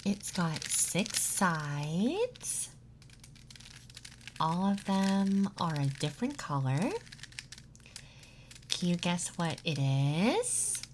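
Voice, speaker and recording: An ASMR content creator performs a roleplay as a flirty, teasing emo femboy classmate, speaking softly and breathily into a close mic and often dropping to a whisper. The mid-range voice is sing-song and unhurried with pauses, with slight background noise and poor audio in this intimate soft-spoken, whispered piece.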